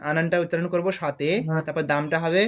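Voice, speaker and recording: A man with a Bengali accent teaching a devotional song on harmonium, naming the sargam notes and singing each phrase slowly to show it. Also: a little high, flat delivery, crowd noise. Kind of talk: music lesson, speaking and singing along. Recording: harmonium playing loudly behind the voice.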